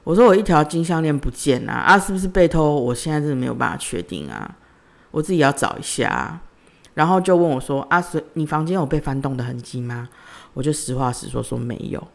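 A woman's voice: sits low, animated, fairly quick, vocal fry. A woman, hosting a podcast and telling a personal story in a conversational way, retelling the dialogue in her own voice. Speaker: podcast host.

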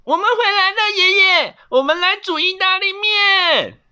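A man's voice: extremely high pitch, animated, unhurried, bright, forceful tone, pitched above the performer's own voice, heavily acted. A man putting on the voices of small, cheerful young forest animals in a bedtime story. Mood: eager. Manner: chirpy and eager.

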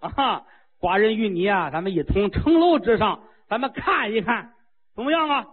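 Greedy king, low and conspiratorial, voiced by a storyteller; husky, tinny radio sound. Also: expressive, moderate pace. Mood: gleeful. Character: greedy middle-aged king, gleeful schemer.

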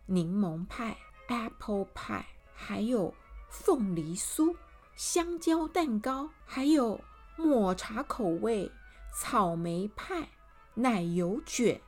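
Slow, animated woman storyteller for kids. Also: medium pitch, soft background music. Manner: animated, addressing children directly. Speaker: children's storyteller. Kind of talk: storybook reading for children.

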